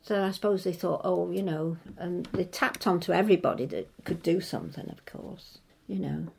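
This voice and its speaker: A woman's voice: on the low side, fairly even intonation, moderate pace, creaky, husky. An older woman from England reminiscing in casual conversation, hesitant and rambling as she circles back to rephrase. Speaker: interviewee recalling local history.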